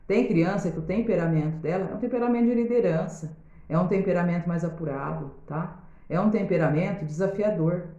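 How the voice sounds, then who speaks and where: A woman's voice: lowish voice, fairly quick, warm tone. A woman with a Brazilian Portuguese accent, a pedagogue giving parenting tips in a casual video, talking straight to viewers and often checking in with them. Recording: roomy, slightly dull sound.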